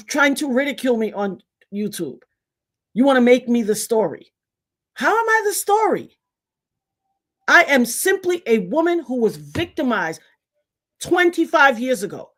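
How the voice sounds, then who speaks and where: A woman's voice: high-pitched, very animated, a little slow, pauses often, fairly bright tone. A middle-aged woman from Trinidad, raised in Brooklyn, with a Trinidadian Caribbean accent, ranting emphatically and indignantly on her livestream. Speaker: livestream host. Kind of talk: livestream commentary rant.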